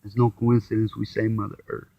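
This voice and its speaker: A self-taught Bible commentator speaks briskly in a lowish, gravelly voice with little pitch movement, sounding tired as he rambles casually, sighs, restarts and acts out quotes. The lo-fi audio is dull and muffled, with no room sound.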